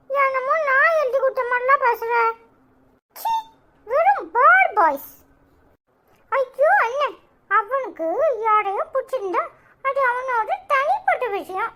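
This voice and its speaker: A squeaky, sky-high cartoon villager with a Tirunelveli Tamil accent. He teases in a giggly, sing-song way. It sounds like a playful animated comedy short. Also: exaggerated voice. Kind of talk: cartoon voice acting.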